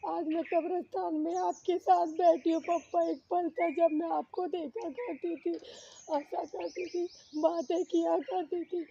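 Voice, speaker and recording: A woman's voice: extremely high pitch, little pitch movement, unhurried, gravelly, mellow, muffled recording, slight background noise. A woman crying as she talks to her late father at his grave outdoors, pleading with him. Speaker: vlogger. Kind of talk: tearful talk at a father's grave. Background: birdsong.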